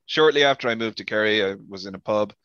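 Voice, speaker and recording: An Irish man with a wry, self-deprecating manner, explaining his own slang in a relaxed chat as a guest. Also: fairly low pitch, fast talker, clear, resonant tone, dry recording. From Ireland. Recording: dull dry lo-fi audio.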